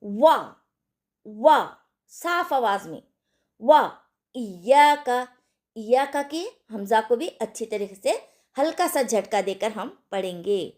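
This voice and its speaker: A woman teaching an online recitation lesson, repeating sounds slowly and checking whether her students understood. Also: on the high side, lively intonation, a little mellow. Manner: slow, deliberate, repeats sounds for practice; asks the class if they understood.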